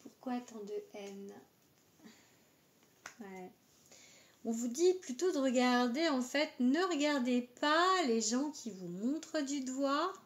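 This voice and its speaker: A woman giving a casual astrology card reading, talking hesitantly with many filler words. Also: fairly high pitch. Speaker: oracle card reader.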